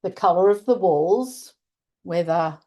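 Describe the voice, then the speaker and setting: This older Australian woman's voice is fairly low and darkish, animated yet unhurried. A restorative practice trainer being interviewed conversationally, she speaks earnestly, pausing for words and leaning on key points.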